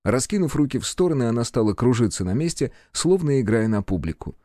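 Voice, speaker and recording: A man narrating a novel chapter as an audiobook in steady storytelling. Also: mid-range voice, fast, no echo, studio quality.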